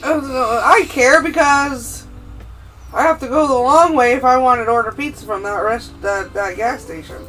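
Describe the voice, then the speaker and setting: A woman's voice: sits high, normal speed, fairly bright tone, faint music behind, rough recording. A woman co-hosting a podcast in casual chat, drawing out her laughing exclamations. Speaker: podcast co-host.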